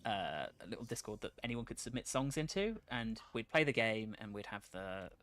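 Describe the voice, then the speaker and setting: A man's voice: on the low side, very animated, fairly quick, a bit bright. A man streaming a strategy game, chatting casually and telling stories between battles. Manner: chatty, joking, tells stories.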